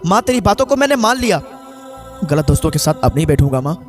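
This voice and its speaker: An indignant young son raises his voice and complains in a high, strained pitch, as a preacher acts him out. Soft music plays faintly underneath. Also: sing-song, fast. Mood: pleading. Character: young adult son, drunk, defiant then desperate.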